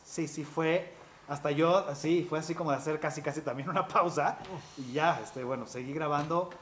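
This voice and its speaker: A man, a voice actor telling stories from his career in an interview, animated and peppered with fillers. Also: fairly high pitch. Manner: animated, quick anecdotal storytelling with fillers like "este". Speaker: voice actor guest. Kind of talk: interview storytelling.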